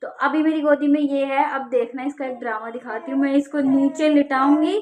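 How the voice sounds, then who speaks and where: High voiced mom vlogger from india, chatty, talks right at the camera, scolds her kid. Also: steady tone, a little fast, darkish tone. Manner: chatty, addresses viewers directly; scolding her child in exasperation. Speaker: vlogger and mother. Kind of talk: casual family vlog chat.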